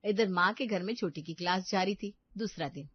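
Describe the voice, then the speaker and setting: A woman narrating a domestic family story in an expressive storytelling manner. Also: medium pitch, moderate pace, breathy edge, dry recording. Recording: dull dry lo-fi recording.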